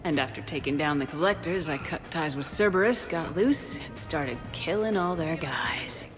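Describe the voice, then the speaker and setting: A woman playing a relaxed, wry female military commander in video game dialogue. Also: low-pitched, normal speed, in a large hall, music in the background.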